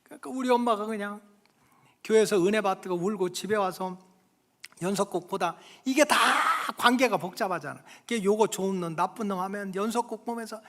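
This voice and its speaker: A middle-aged man preaching a sermon in a church, telling stories in a chatty way and checking in with the congregation, his delivery swinging between loud exclamations and hushed whispers. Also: high-pitched, brisk. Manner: colloquial storytelling, frequent "응?" to the congregation. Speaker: pastor. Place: church sanctuary. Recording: long hall reverb of a church sanctuary.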